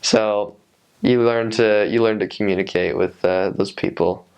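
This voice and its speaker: A man in his twenties telling personal stories casually, in a halting, reflective way, as a returned missionary. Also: on the low side, fairly even intonation, a little mellow, smooth. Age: 20s. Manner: halting, reflective, trailing sentences.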